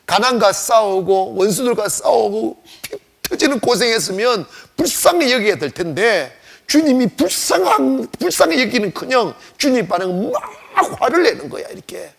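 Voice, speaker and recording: Animated, emphatic preacher man. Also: very high voice, normal speed, gravelly. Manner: emphatic, rhetorical, colloquial, jokes with the congregation. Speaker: pastor. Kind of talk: sermon. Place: church worship service.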